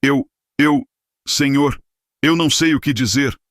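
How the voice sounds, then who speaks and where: A man voicing a panicked, desperate male wedding planner with a shrill voice. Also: steady tone, moderate pace, no echo, studio quality. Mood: pleading.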